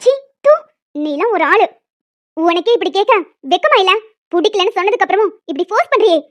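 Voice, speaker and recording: A woman's voice: very high voice, fast. A woman voicing a frightened but defiant young woman in a cartoon, scolding and pleading. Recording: dull lo-fi with music behind.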